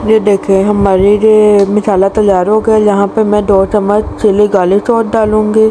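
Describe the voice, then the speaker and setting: A woman narrates a home cooking video, walking through each step in a plain, practical way and sometimes restarting a word. Her voice sits at an ordinary pitch for a woman. Clear background noise runs under her voice in a home kitchen recording. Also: little pitch movement, normal speed. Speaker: cooking channel host. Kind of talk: recipe voice-over narration.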